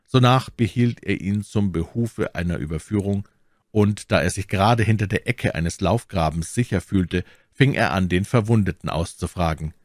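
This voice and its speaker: A man narrating a classic adventure novel as an audiobook, in a measured, dramatic way. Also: low-pitched, dry recording, studio quality.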